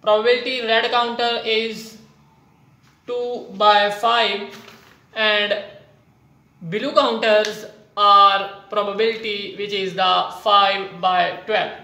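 A maths teacher with a Pakistani accent giving a whiteboard lesson in halting, piecemeal phrases, voice of unclear sex. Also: mid-range voice, flat delivery, bright, forceful tone. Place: indoors at a whiteboard. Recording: echoey room.

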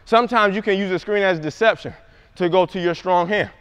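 A high-voiced young man coaches basketball moves at a brisk pace, energetically yelling plays across a large indoor gym during a training demonstration. The audio sounds dull, and there is background noise.

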